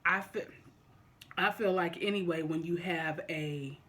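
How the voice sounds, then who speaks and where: A vlogger talking casually and deliberately to viewers, often repeating and rephrasing in a halting way. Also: medium pitch, a bit bright. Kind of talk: casual opinion talk to viewers during a mukbang.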